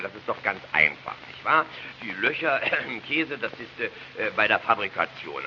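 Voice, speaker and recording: A man's voice: fairly low pitch, bright, forceful tone, exaggerated voice. A man playing a pompous, middle-aged father who fumbles through an explanation with hesitations. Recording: dull noisy old record.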